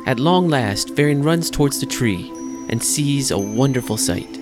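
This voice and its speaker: A man's voice: mid-range voice, animated, moderate pace. Male narrator over music. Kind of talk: scripted recap narration. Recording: music behind the voice.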